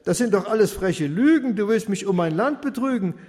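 A man's voice: sits high, animated, fairly quick, darkish tone, long reverb tail, pitched above the performer's own voice. A man voicing a desperate poor widow who pleads insistently for justice, in rhymed storytelling. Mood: indignant.

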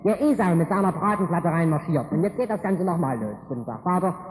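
A man preaching, retelling a Bible story in a lively, folksy and humorous way full of slangy asides. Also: high-pitched, a little fast. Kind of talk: colloquial storytelling sermon. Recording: reverberant hall with faint ambient noise.

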